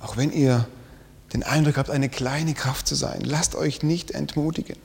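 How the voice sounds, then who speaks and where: A man's voice: fairly high pitch, fairly even intonation, moderate pace, vocal fry, darkish tone. Man preaching in a reverberant church. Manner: dynamic, drops to whispers for emphasis. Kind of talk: sermon. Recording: long hall reverb.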